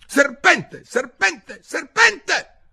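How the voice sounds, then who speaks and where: A man's voice: sits high, big pitch swings, measured pace, bright, forceful tone, husky, pitched above the performer's own voice, exaggerated voice. A man voicing a fretful, broody pigeon that shrieks and accuses in a storybook reading. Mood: shrill. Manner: shrieking, indignant, near-screeching.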